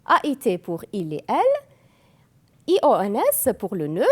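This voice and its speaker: A woman whose first language is Arabic, teaching French grammar slowly, spelling out verb endings and repeating each form. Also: mid-range voice, very animated, breathy edge. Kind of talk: classroom grammar lesson.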